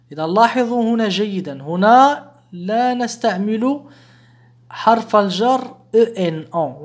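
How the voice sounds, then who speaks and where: A man teaching a beginner language lesson, saying each example slowly and clearly and then explaining it quickly, with patient restatements. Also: high-pitched. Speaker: French teacher.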